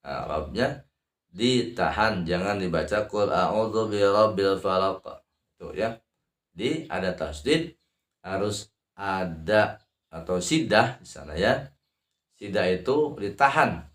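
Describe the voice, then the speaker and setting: Slow, low-voiced Indonesian tajwid teacher. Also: male voice, lively intonation, a bit bright, echoey room. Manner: slow, halting explanation with many fillers, breaking into drawn-out chanted verses. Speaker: Quran recitation teacher. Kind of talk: tajwid lesson with chanted recitation examples.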